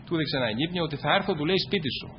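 A man preaching a sermon to his congregation, rising to loud exclamations and dropping to quiet asides. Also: fairly high pitch. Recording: dull, echoey hall with faint noise.

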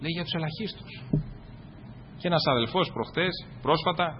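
A man preaching a sermon to his congregation, rising to loud exclamations and dropping to quiet asides. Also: fairly high pitch. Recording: dull, echoey hall with faint noise.

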